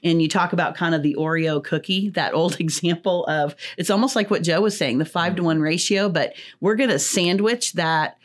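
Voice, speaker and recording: Low-voiced woman explaining on a podcast. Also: moderate pace, hardly any pauses. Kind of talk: podcast conversation.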